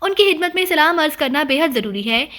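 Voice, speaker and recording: A woman's voice: high-pitched, expressive, bright, forceful tone. A woman voicing a teasing mock-serious young man.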